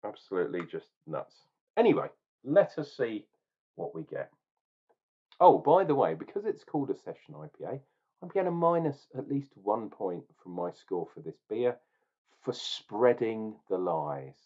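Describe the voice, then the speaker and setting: Casting: low-voiced man in his forties, ranting home beer reviewer, muffled webcam sound. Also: very animated, normal speed. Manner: opinionated, ranting, rambling and jokey. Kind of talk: casual beer review vlog. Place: small room at home, indoors. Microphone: webcam at desk.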